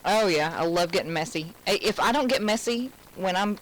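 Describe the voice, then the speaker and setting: Broadcasting live from home, a woman with an Alabama Southern accent teaches a crafting tutorial and chats in meandering asides as she works. She's from Alabama, speaks at a medium pitch and moderate pace, and the rough recording carries a slight hiss or hum.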